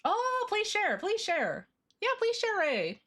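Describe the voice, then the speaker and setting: A woman's voice: extremely high pitch, wildly swooping pitch, slow, fairly bright tone. A woman livestream host chatting casually while she draws, with a cute, bubbly anime-streamer manner and playful, informal slang.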